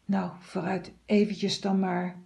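A woman's voice: medium pitch, level tone, slow, creaky, mellow. A woman voicing an easygoing, greedy male house cat in a storybook, with a lazy, self-satisfied manner.

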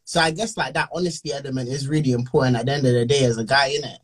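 A man's voice: mid-range voice, fairly even intonation, rapid-fire. A young man with a London roadman accent and urban slang, bantering casually, repeating phrases and ending on tag questions.

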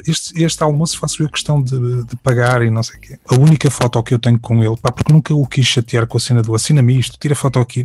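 A man's voice: medium pitch, warm tone. A man, casually telling a long personal story with many fillers and restarts, acting out the voices of other people.

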